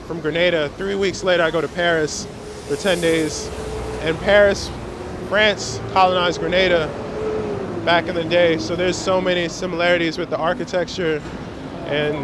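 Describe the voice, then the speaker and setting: Interviewed on a busy city street with vehicles passing, a street photographer from Brooklyn, New York, in his 20s, answers in a reflective, slangy, casual way. He has a high voice with fairly even intonation and a moderate pace.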